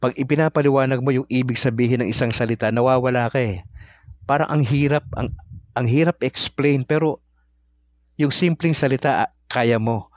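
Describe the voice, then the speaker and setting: A man's voice: mid-range voice, fairly even intonation, moderate pace, no echo. A Filipino man teaching religion in a casual, conversational way, often asking his audience questions. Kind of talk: casual talk-style teaching.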